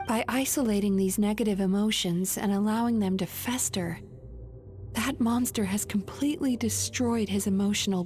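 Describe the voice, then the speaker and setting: A woman playing a composed, resolute dream-hunter guide in a video game, explaining things in a measured, serious manner. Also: medium pitch, a little mellow, natural voice.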